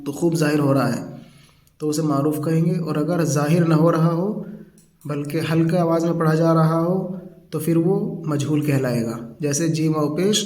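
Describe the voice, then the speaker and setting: A man's voice: on the high side, fairly even intonation, normal speed, a little mellow, reverberant. A man teaching a reading lesson, patiently explaining and sounding out syllables one by one.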